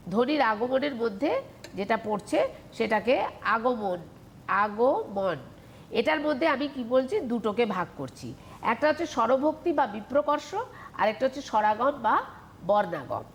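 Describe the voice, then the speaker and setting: A woman's voice: on the high side, a little hiss or hum. A woman teacher giving a televised Bengali grammar lesson, explaining patiently and repeating questions to her students.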